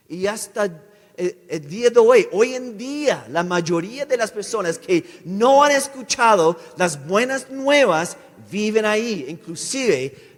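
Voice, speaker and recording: A man giving a sermon testimony as a visiting missionary speaker. He speaks haltingly, restarts his words often and keeps checking with the audience. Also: sits high. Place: church sanctuary. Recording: long echo of a large church hall.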